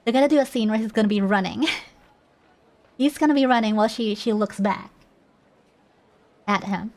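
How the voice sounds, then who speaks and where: A woman's voice: a little high, moderate pace, a little mellow. A young woman streaming a game, chatting casually, giggling and reading lines aloud. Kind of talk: casual gameplay commentary.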